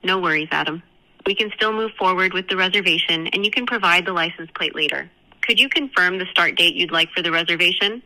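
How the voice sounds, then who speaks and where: A woman's voice: on the low side, brisk, bright, forceful tone, poor audio. A synthetic woman's voice acting as a phone receptionist, heard through a phone on speakerphone, with polite scripted customer-service phrasing. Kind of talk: booking call.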